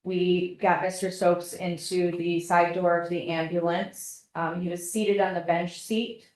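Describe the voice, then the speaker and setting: Flat-voiced woman testifying, courtroom recording. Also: lowish voice. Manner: polite, measured, answering with "yes, sir". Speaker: paramedic witness testifying. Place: courtroom witness stand. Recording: echoey courtroom audio.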